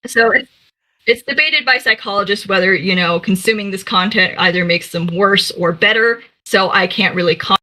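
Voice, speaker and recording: A bright, forceful woman's voice reaches us over a voice call whose audio keeps breaking up into glitchy dropouts. She rambles through a casual discussion, stacking fillers and restarts as she goes. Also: mid-range voice, moderate pace, poor audio. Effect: glitchy audio cutting out on a voice call. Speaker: panel speaker on a group voice call.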